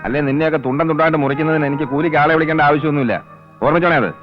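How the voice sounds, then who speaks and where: A man's voice: fairly high pitch, steady tone, racing, soft background music, close to an everyday voice. A man playing a stern, threatening teacher. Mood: indignant. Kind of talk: film drama acting. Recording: dull lo-fi old film sound.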